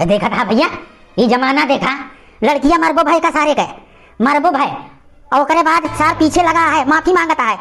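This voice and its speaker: A woman voicing an angry old male village uncle in an animated cartoon comedy, ranting and scolding in an Awadhi accent. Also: sits high, normal speed. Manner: loud scolding, cursing rant.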